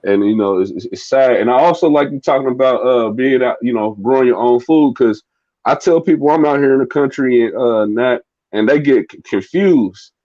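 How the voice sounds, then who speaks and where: Halting male caller on a dull lo-fi line. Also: medium pitch, mellow, dry recording. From Indianapolis, Indiana, US. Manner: halting, many restarts and fillers, friendly. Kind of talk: casual call-in chat.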